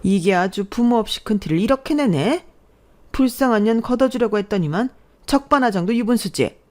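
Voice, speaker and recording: A grasping middle-aged mother-in-law scolds in a high, sharp voice. She talks down with haughty indignation while a woman acts her out. The scene is a radio drama. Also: expressive, brisk, natural voice. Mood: shrill scolding.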